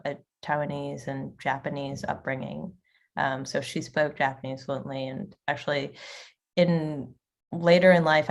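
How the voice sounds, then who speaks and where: Here a restaurant owner from around Boston talks casually as an interview guest. Her voice is low and gravelly, and her speech wanders, restarting often and packed with filler words.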